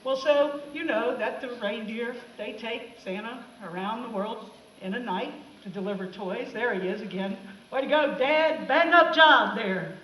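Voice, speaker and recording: Woman teacher, high voice, sarcastic and animated; far-off, roomy classroom sound. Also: measured pace, hardly any pauses, a little hiss or hum. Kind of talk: comic classroom talk over film clips. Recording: echoey room, mic far off.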